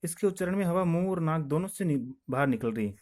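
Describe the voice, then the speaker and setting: A man's voice: on the high side, animated, fast talker, a little mellow. A man teaching grammar, who repeats each point and asks questions that he then answers himself. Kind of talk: classroom explanation with questions and answers.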